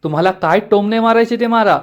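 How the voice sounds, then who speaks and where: Man voicing a flustered young boss, evasive, hurried, fairly high voice. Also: close to an everyday voice.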